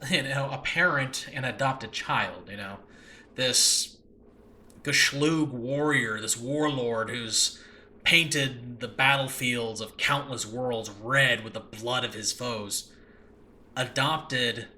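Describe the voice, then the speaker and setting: Speaking at a medium pitch with a pushed, bright quality, this audio drama creator hosts a casual, unscripted podcast about his own show. He rambles earnestly and self-deprecatingly, recording noisily in a makeshift room of his new home.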